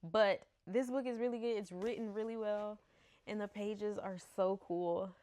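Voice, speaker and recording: A woman's voice: medium pitch, steady tone, unhurried, a little mellow. A woman in her thirties from the United States, a book vlogger chatting casually at home into a camera mic, laughing often and stumbling over names. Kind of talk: casual chat.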